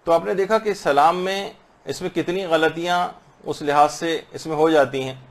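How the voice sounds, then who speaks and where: A man teaching a lesson on correct prayer recitation, slowly sounding out Arabic phrases to show how each letter should be pronounced. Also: fairly high pitch. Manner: slow, drawn-out recitation of Arabic phrases to demonstrate pronunciation. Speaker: religious teacher.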